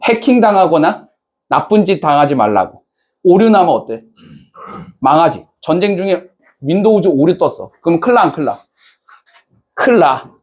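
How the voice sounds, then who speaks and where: A man with a fairly high voice lectures a class in a relaxed, chatty way. He keeps firing questions at the students and checking that they follow. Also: normal speed, pauses often. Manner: casual banter-style speech to students. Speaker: English teacher.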